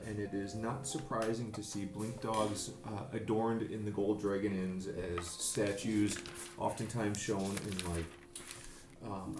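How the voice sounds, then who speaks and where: A man acting as game master, describing scenes in a relaxed way with many fillers. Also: lowish voice. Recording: echoey room with music behind. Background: background music.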